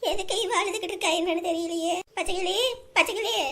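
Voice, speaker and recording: A woman's voice: extremely high pitch, steady tone, fast, fairly bright tone. A woman playing a fierce, scolding middle-aged mother who argues back at her stubborn husband. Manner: scolding, defiant.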